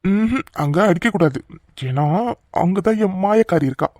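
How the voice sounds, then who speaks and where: A woman's voice: fairly low pitch, lively intonation, normal speed, mellow, no echo. A woman voicing a young husband in a cartoon romance, teasing and coaxing his wife tenderly.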